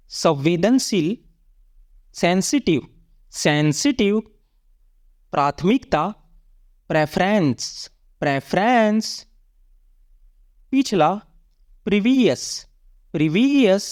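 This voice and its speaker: A speaker reading a vocabulary drill in a measured, even way, saying each word and then repeating it. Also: mid-range voice, no echo, clean studio sound. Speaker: vocabulary teacher.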